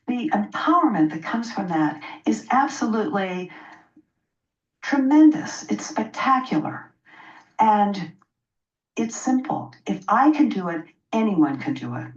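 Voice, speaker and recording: A woman's voice: mid-range voice, very animated, a little slow. A woman in her sixties speaking as a radio interview guest, explaining in a personal, conversational way and stressing points through repetition. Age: 60s. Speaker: interview guest, health practitioner. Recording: dull, roomy, distant microphone sound.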